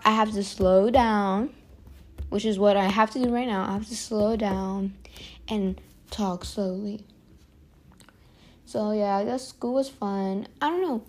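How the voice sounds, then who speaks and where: A young woman talking casually to the camera, rambling with lots of "like", restarts and sighs, sometimes dropping quieter and slower. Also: fairly high pitch. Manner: rambling, heavy use of "like", frequent sighs and restarts; often drops to a quieter, slower voice. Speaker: vlogger. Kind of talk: casual confessional monologue to camera.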